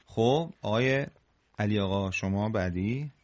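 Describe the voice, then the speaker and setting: A man teaching Quran recitation to a class, patiently encouraging his students and chanting example phrases slowly. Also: on the low side, lo-fi sound.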